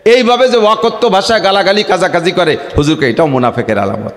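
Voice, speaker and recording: A man from the area preaching a humorous sermon, swinging between low confiding asides and loud shouted declamation. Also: fairly quick, in a large hall.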